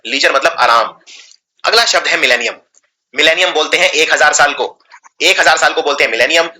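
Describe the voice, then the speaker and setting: A man teaching an exam-prep spelling lesson, slowly explaining words and spelling them out letter by letter. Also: fairly high pitch, pushed and bright.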